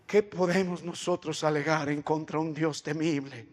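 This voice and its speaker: A man with a Peruvian Spanish accent preaching a sermon as pastor, rising into loud, impassioned reading. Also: fairly high pitch, steady tone, moderate pace, long reverb tail. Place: church.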